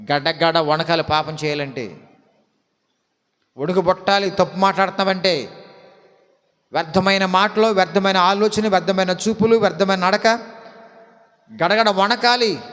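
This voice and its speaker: A high-pitched man preaching a sermon in a Telugu accent, his voice ringing through a church hall with a long reverb. He swings from loud, forceful declarations down to hushed, low asides. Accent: Telugu, Andhra coastal. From India. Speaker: pastor.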